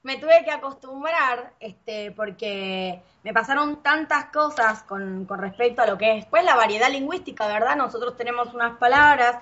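A woman from Argentina with an Argentine Spanish accent sprinkled with Puerto Rican words, chatting casually, swearing freely and telling animated stories. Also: fairly high pitch, normal speed, hardly any pauses, muffled recording. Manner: swears freely, animated storytelling with put-on voices. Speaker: guest. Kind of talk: casual chat.

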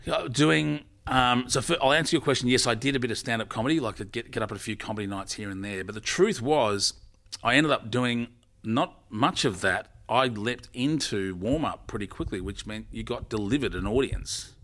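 A man with an Australian accent chatting in an interview as a former warm-up comedian, telling jokes animatedly. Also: mid-range voice, moderate pace. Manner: animated, joke-telling raconteur. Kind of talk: casual interview chat.

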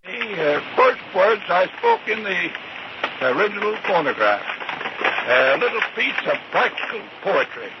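A man's voice: high-pitched, huge pitch swings, measured pace, creaky. Older man on a scratchy old gramophone. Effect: scratchy old gramophone recording. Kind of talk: reciting a nursery rhyme. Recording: scratchy, muffled 1920s gramophone disc with loud hiss.

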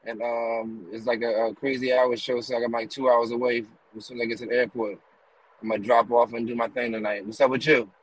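Guy from the east coast rambling on about the music game, flat level voice, lots of you know what i mean, talking from a car. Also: medium pitch, fairly quick, low-quality recording. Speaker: guest, rapper and music promoter. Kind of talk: casual interview. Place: riding in a car on the highway.

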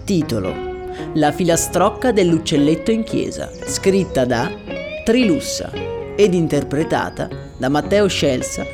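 Man, podcast guest, animated pitch, jokey mock-grand tone, faint music behind. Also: a little slow. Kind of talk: casual podcast chat.

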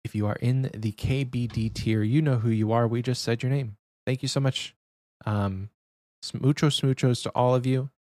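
A man's voice: medium pitch, fairly even intonation, moderate pace, no echo, studio quality. A young adult man co-hosting a podcast in casual chat, keeping his voice down. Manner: talking quietly to avoid waking someone. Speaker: podcast co-host.

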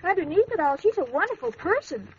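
A woman's voice: very high voice, sing-song, fast. An actress playing a sweet, scatterbrained young woman who gushes breathlessly, in a 1940s radio comedy. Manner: breathless, gushing, innocent. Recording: hissy lo-fi old radio broadcast.

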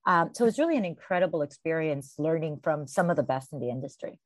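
A woman from Costa Rica, a venture capital founder, answering interview questions in a measured, storytelling way. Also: low-pitched, animated, no echo. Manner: measured storytelling with occasional fillers.

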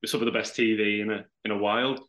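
A man's voice: on the low side, level tone, fast talker, fairly bright tone, poor audio. A man from Liverpool with a Liverpool accent, chatting as a podcast guest and rambling with many restarts. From Liverpool, England. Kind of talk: casual chat.

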